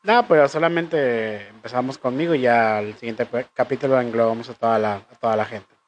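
A man's voice: mid-range voice, a little fast, a little hiss or hum. A man chatting casually alongside his wife, chiming in with short comments. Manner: short interjections and side comments. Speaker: co-host, her husband. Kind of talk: casual chat.

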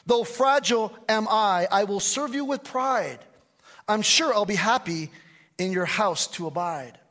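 A man's voice: high-pitched, a little slow, bright, forceful tone. A man voicing a fragile, proud crystal goblet in a poem he reads aloud. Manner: prim, proud.

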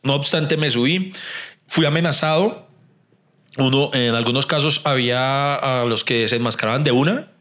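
A Colombian man casually telling a story, animated and jokey, swearing freely and acting out dialogue. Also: mid-range voice, moderate pace.

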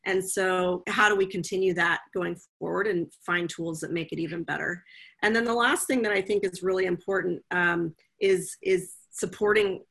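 A woman's voice: lowish voice, fairly even intonation, moderate pace, gravelly, a bit bright, slightly rough. A woman who leads a legal team at a tech company, speaking thoughtfully on a panel over a video call and often restarting her sentences. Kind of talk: panel discussion.

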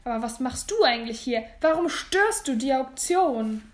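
A woman's voice: high-pitched, moderate pace, echoey room, close to an everyday voice. A woman voicing a small, nervous male buyer's agent who answers shrilly and defensively, read as a storybook.

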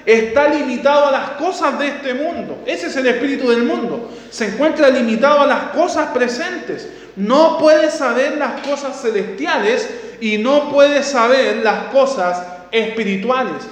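A man's voice: extremely high pitch, lively intonation, a little slow, few pauses. A man preaching a sermon, asking his listeners questions, answering them himself and reading scripture aloud with repeated key words. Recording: echoey hall with long reverb.

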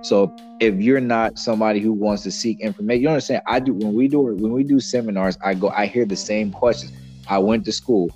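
Emphatic male co-host, low mellow voice, heard through a dull muffled bluetooth headset mic. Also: brisk, faint music behind. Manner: emphatic, preachy, repeats himself. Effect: muffled underwater-sounding bluetooth headset mic. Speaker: podcast co-host. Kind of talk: casual debate chat.

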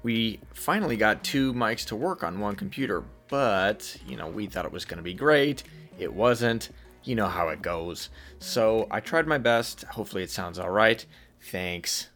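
A man's voice: on the low side, expressive, moderate pace, fairly bright tone, faint music behind. A young man co-hosting a podcast in casual chat, laid-back with a dry, teasing manner. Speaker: podcast co-host.

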